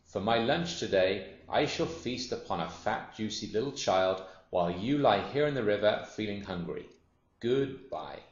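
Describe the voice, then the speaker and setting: An enormous, greedy crocodile from a children's storybook , played by a man, boasting with sinister relish. The words are drawn out gleefully in a low voice, in a roomy, slightly dull recording. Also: expressive, moderate pace, natural voice. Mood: scheming glee. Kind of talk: children's storybook character reading.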